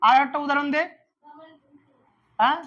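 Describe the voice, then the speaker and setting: A man's voice: very high voice, steady tone, moderate pace, pushed and bright. A man teaching English grammar to a class, repeating words and quizzing his students as he goes. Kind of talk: classroom lesson.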